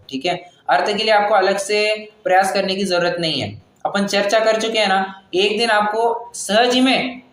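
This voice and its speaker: A man with a fairly high voice leads a scripture class, patiently walking listeners through pronunciation and chanting verses slowly. He sounds like he is in an echoey room. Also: fairly bright tone. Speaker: scripture teacher.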